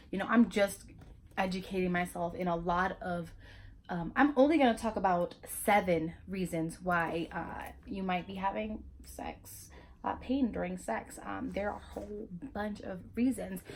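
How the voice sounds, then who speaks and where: At a moderate pace, a young woman with a Spanish accent and a mid-range voice explains things casually to her viewers, with a little hiss or hum in the background. As a vlogger she's blunt and talkative, swearing often and restarting her sentences amid lots of fillers.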